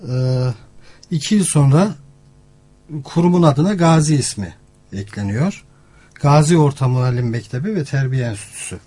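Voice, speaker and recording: A man, a professor and centre director, giving formal informational interview answers in measured phrases with pauses. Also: fairly high pitch, lively intonation, dark tone, husky.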